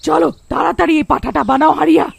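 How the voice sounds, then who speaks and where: A woman doing a cackling gravelly witch. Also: sits high, steady tone, fast talker, no echo, voice pushed up. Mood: commanding. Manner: cackling, bossy, menacing. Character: cruel cackling female witch, village predator. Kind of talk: cartoon voice acting.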